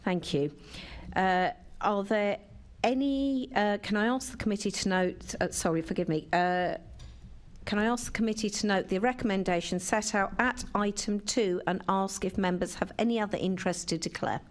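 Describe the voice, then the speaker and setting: A woman's voice: medium pitch, normal speed. A woman chairing a council committee meeting in a chamber, running formal procedure with occasional hesitant restarts.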